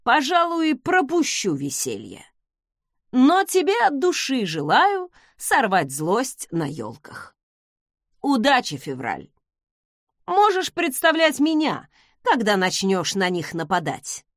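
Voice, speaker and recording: A woman's voice: fairly high pitch, huge pitch swings, slow pace, no echo, studio quality, full character voice. A woman reading the lines of a smug, charming young male academy student who teases with ironic remarks. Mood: teasing. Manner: teasing, ironic.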